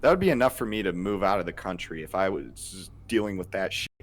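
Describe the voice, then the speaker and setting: A man's voice: sits low, expressive, fast talker. A man co-hosting a podcast, chatting casually and crudely, with lots of filler words and joking asides. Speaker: podcast co-host.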